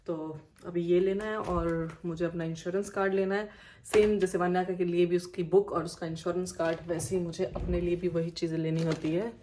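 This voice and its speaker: A woman's voice: lowish voice, level tone, a little fast, background noise. A young woman from India chatting casually to her phone camera at home as she gets ready, as a mother vlogging her day. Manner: chatty, talks to camera while getting ready. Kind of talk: casual home vlog narration. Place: home, indoors.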